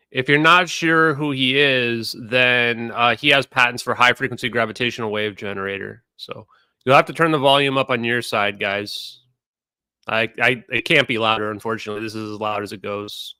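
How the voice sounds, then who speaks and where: A man hosting a casual reaction video, chatty and excitable, talking straight to his viewers. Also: mid-range voice, normal speed, smooth, dry recording. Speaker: host reacting to a podcast.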